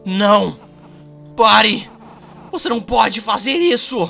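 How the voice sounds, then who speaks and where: A Brazilian man voicing a cruel, domineering mother who is a boss monster, loud and scornful. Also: very high voice, very animated, moderate pace, gravelly, soft background music, pitched above the performer's own voice, exaggerated voice. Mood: furious.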